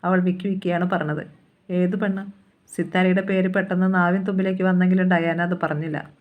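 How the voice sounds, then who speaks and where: A storyteller from Kerala reading a serialized novel aloud in an even, measured narration. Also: mid-range voice, phone-quality sound. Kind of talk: scripted audiobook narration.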